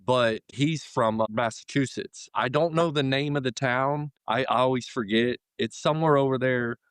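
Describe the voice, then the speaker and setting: Being interviewed, this union carpenter from Florida in his thirties chats in a relaxed, meandering way with an American accent. His mid-range voice is clean-toned and moves at a moderate pace, with no echo in the recording.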